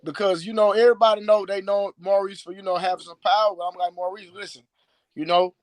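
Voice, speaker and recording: A man's voice: high-pitched, fairly even intonation, fast, dry recording. A man in his late thirties, a strength and conditioning coach, talking boastfully and emphatically as a guest on a live stream. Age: 30s. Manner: boastful, emphatic, repeats words. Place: live video call.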